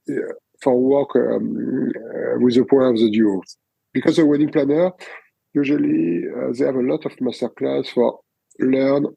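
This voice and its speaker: Man, French accent, gravelly, husky, halting, casual interview. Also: mid-range voice, warm tone, no room sound, rough recording. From France. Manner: halting, many fillers and restarts. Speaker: guest photographer.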